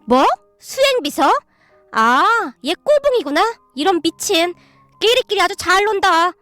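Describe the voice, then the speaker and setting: A woman's voice: very high voice, fast, fairly bright tone, dry recording, soft background music. A woman voicing a sneering rich young man who taunts old classmates in a storybook reading. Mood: scornful. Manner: taunting, scornful.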